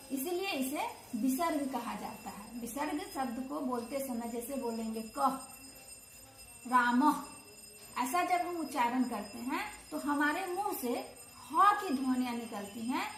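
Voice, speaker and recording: A woman teaching a grammar lesson to children, going slowly, repeating key terms and asking questions she then answers. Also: sits high, fairly bright tone, a little hiss or hum. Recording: echoey room with faint ambience.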